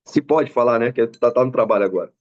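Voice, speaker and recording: A medium-pitched Brazilian man with a Brazilian Portuguese accent speaks quickly, and the audio is dull. His motivational business mentoring talk is full of animated stories in which he acts out the people's dialogue.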